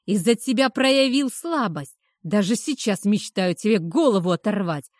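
A woman voicing a furious male werewolf pack leader who shouts and snarls threats. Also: medium pitch, expressive, moderate pace, no echo, clean studio sound, close to an everyday voice.

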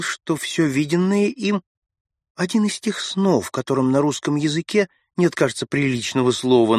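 A man narrating classic prose for an audiobook in a measured, steady storytelling manner on a close mic. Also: on the high side, dry recording.

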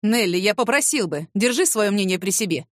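A woman's voice: medium pitch, animated, fairly quick, no echo, lightly acted. A male boss, exasperated and commanding, tries to shut down a fight between two women, voiced lightly by a woman narrator. The reading stays close and dry. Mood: stern. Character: stern male boss trying to restore order.

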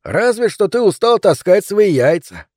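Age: older man. Figure: a man doing a gruff retiring police captain. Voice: raised, loud, wry. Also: high-pitched, very animated, normal speed, no echo, studio quality, voice pushed up. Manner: gruff joking banter.

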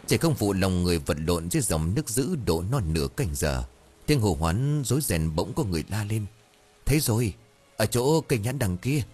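A man's voice: low voice, darkish tone, slightly rough. A man narrating a dramatic audiobook story.

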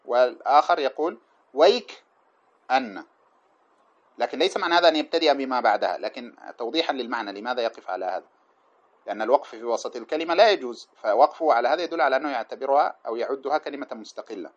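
Slowly chanting lines from an old didactic poem, a male teacher then switches to quick, plain lecture speech to explain them. He sounds animated, with a medium-pitched voice, captured in a dull, lo-fi lecture recording.

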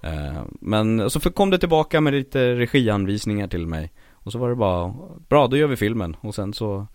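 A man's voice: lowish voice, no room sound, clean studio sound. A man who works as a voice actor and impressionist, telling stories in a casual podcast interview. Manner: lively storyteller, slips into quoted voices.

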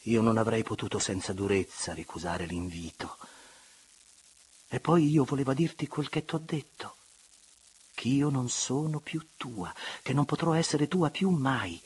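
A man's voice: medium pitch, animated, measured pace, breathy edge. A man voicing a tender, torn noblewoman. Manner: soft, hushed, dropping to whispers. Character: young noblewoman, tender and torn former lover.

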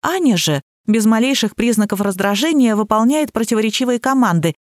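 A woman's voice: fairly high pitch, lively intonation, a little fast, no echo. A woman narrating an audiobook with a wry, ironic storytelling manner, close to the mic.

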